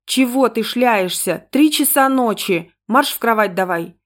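A woman's voice: mid-range voice, normal speed, natural voice. A woman doing a furious swearing young mother. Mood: scolding. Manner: shouting, exasperated. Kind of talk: audiobook character reading.

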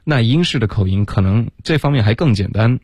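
A male English teacher on a radio lesson, his voice sitting very low. He explains pronunciation and mixes in English phrases. The sound is close and dry with no room. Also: lively intonation, darkish tone, breathy edge, dry recording. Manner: mixes English words into his talk, models words slowly.

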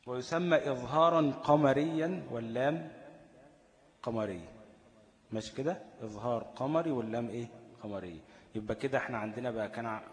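A man's voice: mid-range voice, big-room sound. A man with an Egyptian Arabic accent teaching recitation rules, posing questions and answering them himself while checking that listeners follow. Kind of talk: explanatory lesson.

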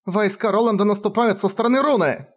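A man reading an audiobook, voicing a tearful, devoted young woman warrior who pleads and breaks into shouts. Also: high-pitched, fairly quick, voice pushed up. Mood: urgent. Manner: pleading, sobbing, rising to shouts. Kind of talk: audiobook character voice.

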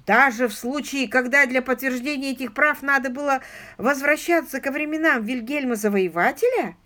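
An eager English gentleman sleuth, as a woman narrator puts him on, keen and insistent. He sits a little higher and louder than the narration around him. It is an audiobook character voice with a pressing, questioning manner. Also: moderate pace. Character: lively aristocratic English gentleman sleuth, man.

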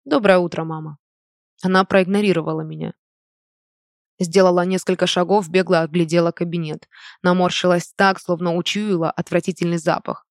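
An audiobook reader narrating a first-person novel in a measured, even way, recorded close to the mic. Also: mid-range voice, no room sound.

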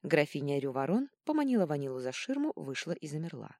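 A woman narrating an audiobook with expressive storytelling. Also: deep voice, quick pace, no echo, studio quality.

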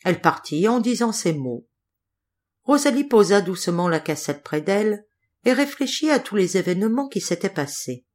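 A woman reading a fairy tale aloud as an audiobook narrator, calm and measured. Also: mid-range voice. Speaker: audiobook reader. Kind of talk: storybook narration.

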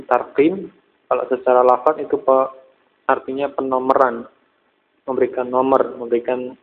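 A man with an Indonesian accent teaches an Arabic grammar lesson in a small prayer hall, speaking slowly, repeating terms and asking himself questions. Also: mid-range voice. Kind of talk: recorded study-circle lesson. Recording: phone-like tinny audio.

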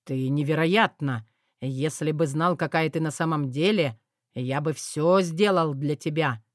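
A scheming young lord, sly and lustful, who draws out his words with quiet menace, as a woman narrator performs him. His voice sits low. It sounds dry and close, with no room around it. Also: no room sound. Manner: low, menacing, drawn-out lines. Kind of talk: audiobook character voice.

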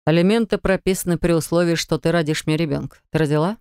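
A woman reading the lines of a calm, decisive husband in an audiobook, matter-of-fact. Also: fairly low pitch, fast, smooth, dry recording, studio quality, lightly acted. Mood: firm. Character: cool, decisive husband, grown man. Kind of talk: audiobook character voice.

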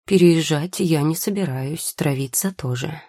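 A sly, mocking young man, a rival potion-maker who keeps pressing with dry questions, as a woman reads him in an audiobook. The voice sits low and dark with a husky edge. It is close and dry, with no room around it. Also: measured pace, no room sound. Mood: teasing. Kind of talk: audiobook character voice.

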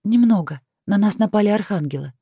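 A woman's voice: mid-range voice, lively intonation, brisk, dark tone, breathy edge, no room sound, studio quality, pitched above the performer's own voice. A woman voicing a sarcastic, defiant young woman in a fantasy audiobook. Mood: tense. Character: sharp-tongued young woman heroine.

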